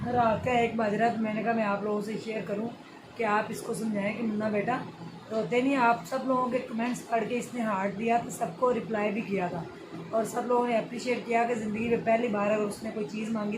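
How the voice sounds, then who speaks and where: A woman's voice: a little high, background noise. A woman, vlogging casually and pleadingly from a small bedroom at night. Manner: soothing, pleading, says inshallah often. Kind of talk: casual vlog.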